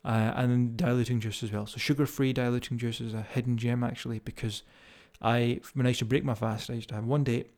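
With a strong Scottish accent, a man delivers fast, casual motivational talk as the fitness coach hosting his own podcast, speaking plainly to listeners. His mid-range voice has a darkish tone, shows little pitch movement and leaves few pauses.

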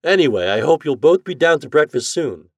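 A man doing a jovial, good-humored father in a storybook, his voice lifted and lively as he ribs his boys. The recording is close and dry. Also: a little high, brisk, breathy edge, dry recording, voice pushed up, exaggerated voice.

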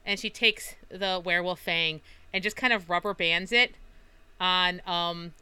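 Bright chatty woman role-playing. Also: fairly low pitch, steady tone, a little slow, clear, resonant tone, no echo. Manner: chatty, rambling, self-correcting. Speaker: player. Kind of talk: narrating a tabletop game.

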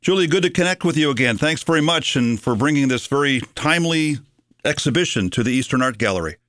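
A man hosting a local radio interview, asking questions and reading event details in a measured way. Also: mid-range voice, animated, fairly bright tone, no room sound, clean studio sound. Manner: measured, reads listings clearly. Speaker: radio host.

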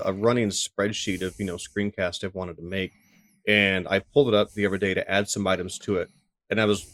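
A man's voice: fairly low pitch, dry recording. A man co-hosting a tech podcast, chatting casually with lots of fillers and restarts. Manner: rambling, filler-heavy, self-deprecating. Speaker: podcast co-host.

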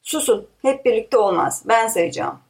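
A woman's voice: on the high side, expressive, normal speed, gravelly, pitched above the performer's own voice. A woman reading a play, voicing a stern old male village sage who counts curtly and gives orders. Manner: curt, commanding counting.

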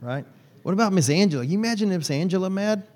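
This pastor's voice is high, expressive, a little mellow, and fast. He preaches in a folksy, chatty style, joking with the congregation and teasing individuals by name.

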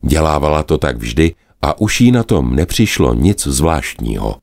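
A man with an extremely deep voice narrates a fairy tale, swinging his pitch widely and expressively. The recording is dry and close. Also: vocal fry, no room sound. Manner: lively, expressive telling. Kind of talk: storybook narration.

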